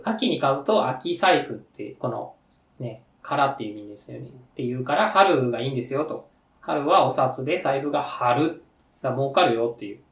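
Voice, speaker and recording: A man's voice: mid-range voice, distant mic. A man from Tokyo hosting a story contest, chatting casually with a rambling manner and many fillers. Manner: lively, rambling, frequent fillers and laughs. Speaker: host, contest judge. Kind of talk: casual podcast chat. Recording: echoey room, a bit off mic.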